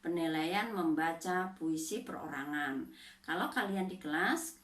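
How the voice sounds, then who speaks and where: A middle-aged woman teaches a class, explaining step by step and checking in with a soft "ya" after each point. Her voice sits slightly low, and it comes from some distance off the mic in a roomy, echoing space. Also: unhurried. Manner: patient, adds tag "ya" often, fillers. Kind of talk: classroom lesson explaining slides.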